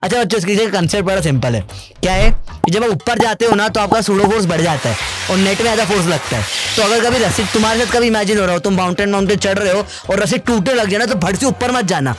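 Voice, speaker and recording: A man's voice: sits high, quick pace. A male physics teacher in playful quiz banter, teasing and insisting every question is simple.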